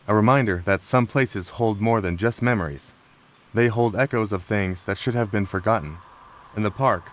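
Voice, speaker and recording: A man with a fairly low voice reads a scary story in a measured, unhurried way. His delivery is calm and scripted, and faint rain patters behind him. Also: a little hiss or hum. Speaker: horror story narrator. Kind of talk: scripted narration. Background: rain sounds.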